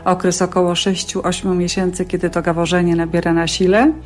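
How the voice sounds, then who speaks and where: A woman's voice: fairly low pitch, level tone, fairly quick, soft background music. Woman speech therapist, teacherly tone. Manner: didactic, demonstrating sounds. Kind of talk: radio interview answer.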